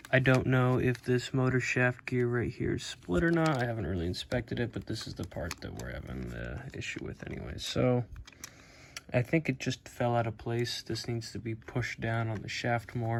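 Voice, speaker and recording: With a creaky, medium-pitched voice, an American man narrates his hands-on fix of a Halloween animatronic as he films it, unscripted and matter-of-fact. There's slight background noise.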